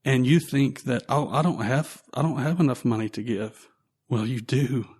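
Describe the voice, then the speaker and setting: A man hosting a podcast interview, speaking earnestly and with emotion, in halting phrases. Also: medium pitch, darkish tone, husky. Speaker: podcast host. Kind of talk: casual interview.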